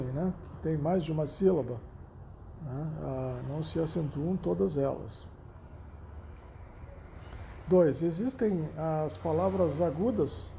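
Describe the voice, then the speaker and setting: A man with a Brazilian Portuguese accent teaching a language lesson, explaining slowly and often checking in with the listener. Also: on the high side, creaky, mellow, slight background noise. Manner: slow, repeats himself, frequent "né?" and "tá?" checks.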